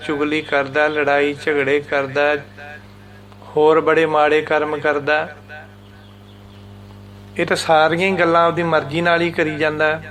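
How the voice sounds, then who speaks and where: Slow, patient Punjabi-accented male scripture teacher. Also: fairly high pitch, a bit bright. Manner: slow, patient explaining, chants lines then repeats them syllable by syllable. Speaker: Gurbani teacher. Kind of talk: religious scripture lesson.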